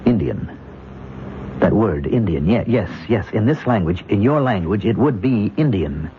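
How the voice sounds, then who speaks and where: In an old-time radio drama, a man plays a bewildered scout, speaking haltingly and solemnly as he searches for words. His voice is lowish, with big pitch swings. The old radio recording is muffled and hissy.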